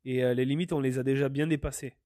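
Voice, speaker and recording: A man's voice: mid-range voice, steady tone, quick pace, mellow, no room sound, studio quality. A man from France, hosting a podcast and talking earnestly through his opinions, with many fillers and restarts. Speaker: podcast host. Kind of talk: solo podcast monologue.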